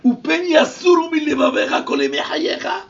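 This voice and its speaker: Preacher, male, high gravelly voice, impassioned, distant lo-fi recording. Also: huge pitch swings, moderate pace. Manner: impassioned, swings from whispers to shouted Hebrew verses. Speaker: rabbi. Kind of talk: sermon.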